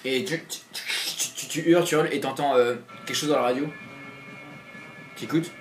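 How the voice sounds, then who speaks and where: A man's voice: medium pitch, fairly even intonation, fairly bright tone. A man narrating a horror tabletop game as game master, hesitating with many fillers. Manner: halting, filler-heavy narration. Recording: roomy echo, faint music.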